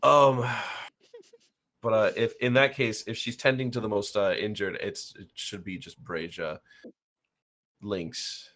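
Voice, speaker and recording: A man's voice: fairly low pitch, fairly even intonation, a little slow, long pauses, fairly bright tone. A man playing his character in a tabletop game, chatty, with laughter slipping between his words. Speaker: player.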